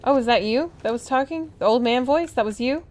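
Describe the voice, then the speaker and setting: A woman's voice: a little high, fairly quick, a little mellow, slight background noise. A woman giving casual, playful commentary as she plays a game, reading dialogue choices and reacting aloud. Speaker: gamer playing through a game.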